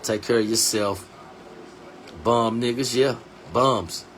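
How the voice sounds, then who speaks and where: Man, 40s, stream host. Blunt, preachy, streetwise; mid-pitched voice, faint background noise. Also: fairly even intonation, slow. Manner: blunt, preachy, streetwise slang, drops low and quiet to drive points home. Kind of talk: casual live stream talk.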